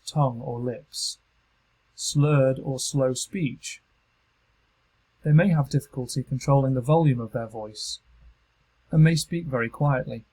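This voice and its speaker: Husky man narrating a training module. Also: medium pitch, rough recording. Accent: British English. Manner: calm, measured instructional delivery. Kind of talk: scripted narration.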